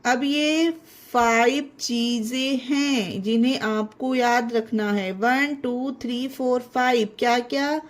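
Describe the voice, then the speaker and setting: A high-pitched woman gives an online English pronunciation lesson. She spells each word letter by letter, then explains the rule to her viewers as friends. She speaks at a very slow, deliberate pace. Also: steady tone.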